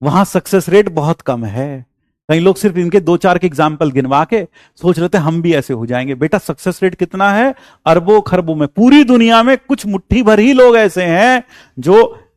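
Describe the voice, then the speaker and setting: A man's voice: sits high, dry recording, clean studio sound. A middle-aged man, a coaching teacher lecturing students, earnest and fond of repeating his phrases. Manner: teasing sarcasm turning earnest, repeats phrases.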